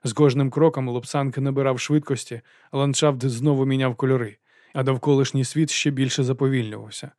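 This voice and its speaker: A man reading an audiobook in a steady, measured narration. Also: mid-range voice, no room sound, clean studio sound. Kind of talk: scripted narration.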